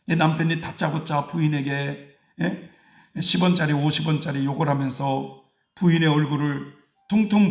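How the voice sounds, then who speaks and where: A male pastor delivers a sermon in a raised, gravelly voice. He tells a story and keeps turning to his congregation with short prodding questions. The sound carries through a roomy, echoing space. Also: fairly high pitch. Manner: tells stories and prods the congregation with repeated "예?" and "음?".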